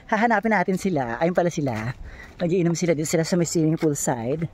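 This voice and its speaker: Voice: mid-range voice, lively intonation, brisk, a little mellow. A vlogger with a Filipino accent, chatting through a casual travel vlog, playful and exclaiming, often out of breath.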